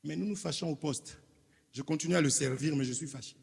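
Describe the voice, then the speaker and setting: A man's voice: on the high side, fairly quick, gravelly, breathy edge. A man with a Congolese accent, a preacher delivering an emphatic sermon with rhetorical questions to his congregation in a church hall. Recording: reverberant hall.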